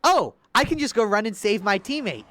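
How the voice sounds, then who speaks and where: A man's voice: high-pitched, very animated, a little fast, a bit bright, no room sound. A young man giving casual, sarcastic commentary while reviewing gameplay, exasperated and swearing.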